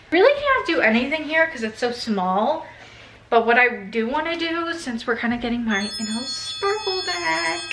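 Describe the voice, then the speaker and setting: Young female vlogger, casual and profane, higher voice, roomy off-mic sound. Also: fairly bright tone, recorded from a distance. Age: 20s. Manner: chatty, swears casually, trails off and restarts. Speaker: lifestyle vlogger. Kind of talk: casual vlog chat. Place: bedroom at home.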